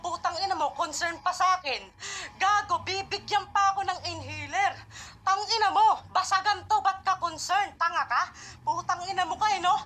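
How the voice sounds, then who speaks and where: Ilonggo woman battle rapper, very high and piercing voice, hurls rapid insults. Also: pushed and bright, slight background noise. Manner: aggressive, insult-heavy, rapid. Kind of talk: online rap battle.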